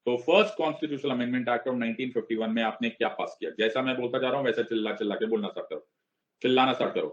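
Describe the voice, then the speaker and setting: A male teacher giving an exam-prep lecture in a mid-pitched voice, mixing Hindi and English. He keeps checking whether the class is following and slows down, word by word, over legal wording. The sound is dull and lo-fi, like an online class recording. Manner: mixes Hindi and English, drills the class with repeated questions, playful asides; slows right down and stresses each word when reading legal text.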